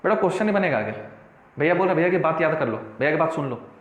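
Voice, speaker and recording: Lively accounts teacher, echoey classroom. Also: male voice, on the high side, fast, muffled recording. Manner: animated, playful, repeats key terms and answers his own questions. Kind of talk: classroom lecture with call-and-response. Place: classroom with whiteboard. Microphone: camera in the room.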